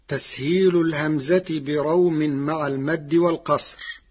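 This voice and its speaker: A man teaching the variant readings of Quranic recitation in a slow, deliberate, measured lecture. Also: fairly high pitch, slightly rough, dull audio. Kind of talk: scripted explanatory lecture.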